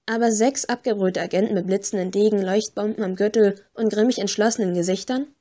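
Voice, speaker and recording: A woman reads an audiobook in the first person, telling the story with dry wit. Her pitch sits in an ordinary middle range. The delivery is steady and composed. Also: fairly quick. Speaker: audiobook narrator.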